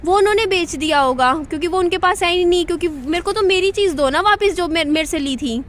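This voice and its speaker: High-voiced woman venting casually. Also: fast talker. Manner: chatty, venting, repeats herself. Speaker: vlogger. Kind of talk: casual vlog monologue. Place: at home.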